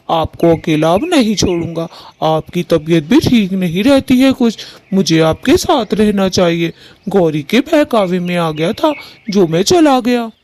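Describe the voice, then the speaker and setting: He is a dutiful young son bird in a cartoon, voiced by a performer. He talks earnestly and pleads, with a voice raised a little above its usual pitch. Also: darkish tone.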